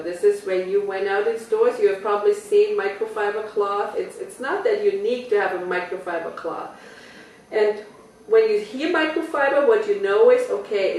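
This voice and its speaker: Speaking in a mid-range voice with an Austrian German accent, a woman presents products at a home party in a private living room, chatting and explaining step by step while frequently questioning her listeners. She is picked up from a distance in a roomy, echoing space, and there is slight background noise.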